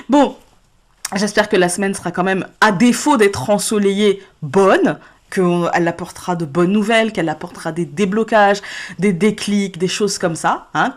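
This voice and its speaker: A woman chatting frankly to camera as a card-reading vlogger, with plenty of fillers and frequent laughs, filmed indoors under spotlights. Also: medium pitch. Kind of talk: casual chat to camera. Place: indoor set lit by several spotlights.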